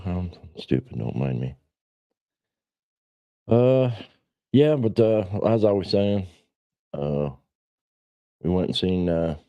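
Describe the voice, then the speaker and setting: A man in his forties with a bass voice chats casually as a livestream host, rambling in a blunt, salty, self-deprecating way. The audio is dull, with no echo.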